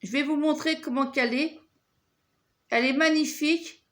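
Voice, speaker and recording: A woman's voice: high voice, steady tone, normal speed. A woman with a French accent, talking casually and hesitantly to camera as she shows off her shopping haul, with many fillers and restarts. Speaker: vlogger showing a shopping haul.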